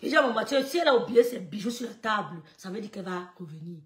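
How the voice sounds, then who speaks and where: A woman telling a story on a live stream, animated and emphatic, laughing often and greeting viewers. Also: mid-range voice, quick pace, echoey room.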